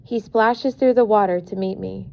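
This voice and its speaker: A woman narrating an audiobook in the first person at a measured, earnest pace. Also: mid-range voice, vocal fry. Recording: muffled recording, faint hiss.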